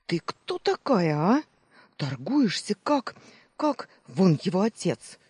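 A narrator voicing a big, blunt male baker who bargains loudly and teases. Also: mid-range voice, big pitch swings, normal speed, slightly rough, no room sound, studio quality, pitched above the performer's own voice. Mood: mocking. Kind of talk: audiobook character voice.

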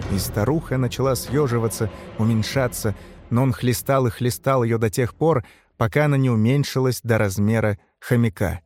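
A man reading a story aloud in measured, scripted narration. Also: mid-range voice, a little mellow. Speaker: audiobook narrator.

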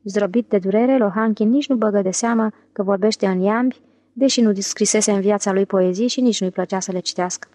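A woman reads a literary audiobook in an even, measured way. Her voice sits at an ordinary pitch, and the recording is dry and close with no room sound. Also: dry recording. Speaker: audiobook narrator. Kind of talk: scripted literary narration.

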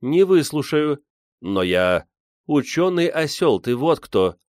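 A man voicing a scolding, sharp-tongued older woman who is quick to threaten. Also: a little high, big pitch swings, no room sound, clean studio sound, pitched above the performer's own voice.

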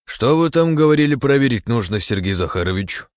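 A man's voice: medium pitch, animated, no echo, studio quality, voice pushed up, close to an everyday voice. A man voicing a tall gray-haired male expert who mumbles and drags out his words. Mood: musing. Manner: mumbling, drawn-out.

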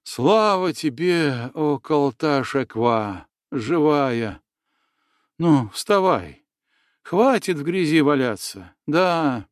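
A man reading the lines of a good-natured young forest hunter, gentle in manner and often tacking "да" onto his phrases. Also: medium pitch, very animated, slow pace, dry recording, clean studio sound. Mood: earnest.

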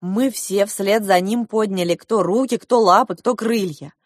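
A woman narrating a children's audiobook with lively storytelling. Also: medium pitch, measured pace, no echo, studio quality.

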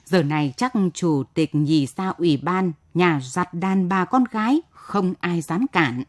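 Slow, low-voiced woman narrating a story. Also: expressive. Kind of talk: scripted late-night radio story narration.

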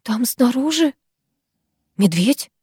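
A scared teenage girl blurts out wisecracks in a high voice, as a woman reading aloud puts her on. The reading is dry, with no room sound. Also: animated, a little mellow, breathy edge, no room sound, full character voice. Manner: quick, wisecracking. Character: joking, scared teenage schoolgirl friend.

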